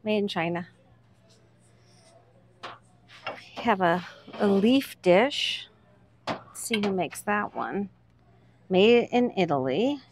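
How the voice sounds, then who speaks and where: A woman's voice: mid-range voice, lively intonation, slow pace, pauses often, a little hiss or hum. A woman hosting a vlog, chatting casually as she points out items on shop shelves one by one. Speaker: vlog host, reseller. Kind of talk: casual commentary while browsing a shop.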